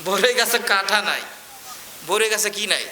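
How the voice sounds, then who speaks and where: A man's voice: high voice, normal speed, sharp tone. A man preaching a sermon, telling stories and often asking whether the crowd understands. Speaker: Islamic preacher.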